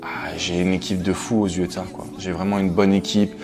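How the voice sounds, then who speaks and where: Seated on a living-room sofa, this Frenchman, a coach and entrepreneur, chats through a laid-back interview at a brisk clip. His voice is fairly low, captured by a lapel mic, with gentle music running beneath.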